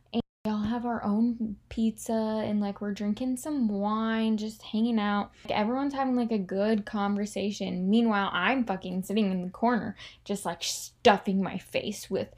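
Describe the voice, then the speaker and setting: A young woman in her twenties talks straight to the listener in a loose, confessional podcast monologue. Her voice sits a touch high, and she keeps it candid and chatty, dropping "like" everywhere and swearing without a second thought. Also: darkish tone. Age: 20s. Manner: candid and chatty, heavy filler "like", swears freely. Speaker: podcast host.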